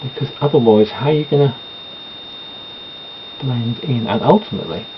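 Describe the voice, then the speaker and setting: A man with a medium-pitched voice talks at a normal speed, chatting casually and meanderingly at home as he does his makeup and tosses in self-deprecating asides. It's rambling casual chat, captured in a dull lo-fi home recording with noise.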